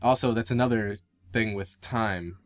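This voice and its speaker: A young man co-hosting a casual gaming podcast, rambling excitedly and restarting his sentences. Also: lowish voice, normal speed. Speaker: podcast co-host.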